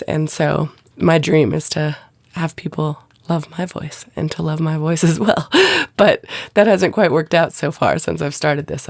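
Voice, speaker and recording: A low-pitched woman with a gravelly, nasal voice, worn down by a lingering cold. She hosts her podcast in loose, chatty talk aimed straight at her listeners. The sound is close and dry, with no room around it. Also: dry recording. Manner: chatty, addresses listeners directly. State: sick, congested. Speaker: podcast host. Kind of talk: casual podcast chat.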